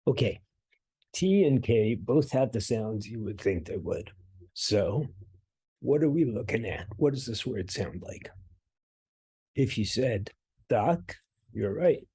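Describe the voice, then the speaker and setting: A man reads a language lesson as narration, with dry, deadpan humor. His voice is gravelly and husky, low-key and mellow, and he takes his time over every word. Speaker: language teacher. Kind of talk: scripted narration.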